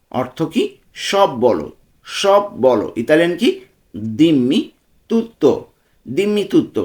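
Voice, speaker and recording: A man tutoring a language lesson, slowly repeating short phrases and their meanings. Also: on the high side. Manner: slow, repetitive drilling of phrases with translations.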